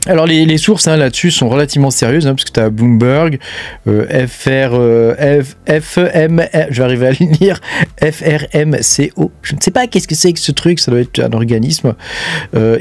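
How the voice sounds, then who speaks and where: A man's voice: mid-range voice, a little mellow, dry recording. A man hosting a casual screen-share walkthrough, talking to the viewer familiarly and filling nearly every phrase with hesitations. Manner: chatty, fills every phrase with "hein" and "euh". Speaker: crypto channel host.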